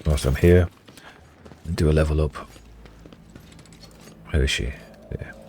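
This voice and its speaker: A man playing a video game, reading its text aloud and rambling in self-mocking asides, his voice going hoarse. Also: rumbling low, steady tone, a little slow, a little mellow, a little hiss or hum. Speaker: let's-play gamer.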